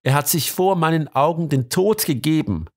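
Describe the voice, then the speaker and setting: A man's voice: a little high, lively intonation, normal speed, pitched above the performer's own voice. A man voicing a loyal, earnest young doctor sidekick in an audiobook.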